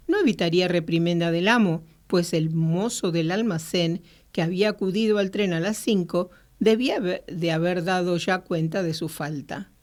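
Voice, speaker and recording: A woman radio host, reading a novel aloud in a measured way and then commenting, with occasional hesitant fillers. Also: fairly low pitch. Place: radio studio.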